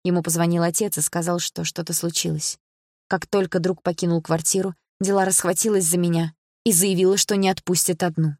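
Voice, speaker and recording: A woman with a lowish voice reads a first-person audiobook at a steady, even pace. She is recorded close to the mic in a dry, dead room with no echo. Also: fairly quick. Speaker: audiobook narrator.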